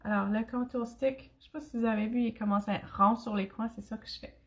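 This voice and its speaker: A woman's voice: a little high, steady tone, fairly quick. Young acadian woman doing a makeup tutorial, sick and scratchy-throated, chatty, talks right to viewers. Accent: Acadian French. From Canada. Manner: chatty, addresses viewers and live commenters. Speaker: makeup demonstrator.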